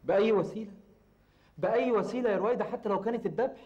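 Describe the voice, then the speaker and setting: A man's voice: medium pitch, very fast, warm tone, lightly acted. An actor playing an Egyptian engineer torn between his mother and a woman he once loved, pleading and sometimes exasperated, with an Egyptian accent. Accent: Egyptian Arabic. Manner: pleading, rising to exasperated outbursts. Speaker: actor in TV drama. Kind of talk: Egyptian TV drama acting. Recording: roomy, dull TV drama sound.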